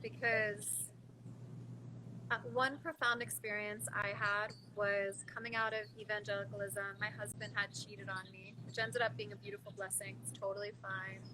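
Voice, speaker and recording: Chatty woman host, noisy background. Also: mid-range voice. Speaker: podcast host. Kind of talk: conversational interviewing.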